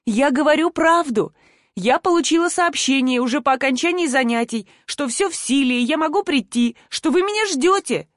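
Woman reading a young woman, indignant and tearful, high pitch, dry close audiobook sound. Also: lively intonation, normal speed, no room sound. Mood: hurt insistence. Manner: indignant, tearful, shrill when upset. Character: young woman student, hurt and defiant.

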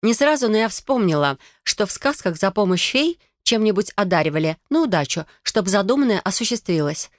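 A woman narrating a first-person fantasy audiobook in an even, wry storytelling manner. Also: medium pitch, fairly quick, few pauses, no room sound, clean studio sound.

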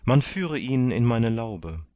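A man reading an audiobook voices a proud young Jesuit commander who speaks in stately, drawn-out exclamations. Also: medium pitch, big pitch swings, no room sound, highs cut off, voice pushed up. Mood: pleased. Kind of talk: audiobook reading of a classic novel.

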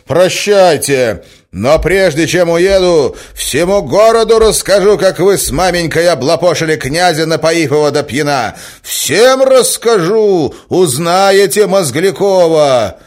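A man voicing an indignant young suitor who has been jilted and shouts in a rage, his voice raised far above his narrating voice. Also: mid-range voice, lively intonation, measured pace, pitched above the performer's own voice, lightly acted. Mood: furious. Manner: shouting, furious, sputtering.

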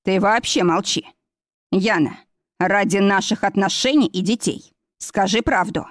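Here is a proud, jealous man who speaks slowly and with a cold threat underneath, as a woman narrator reads him. The voice sits at her ordinary pitch, dry and close in a storybook recording. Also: no echo, lightly acted. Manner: slow, menacing.

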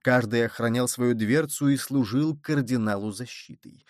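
Male audiobook narrator, steady and measured, dry close sound. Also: medium pitch, dry recording. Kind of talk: scripted narration.

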